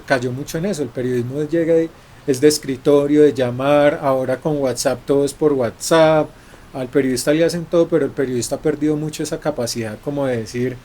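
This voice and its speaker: A middle-aged Colombian journalist with a Colombian Spanish accent, telling stories in an interview, often restarting and repeating words. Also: male voice, on the high side, warm tone. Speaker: journalist guest. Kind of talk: conversational storytelling interview.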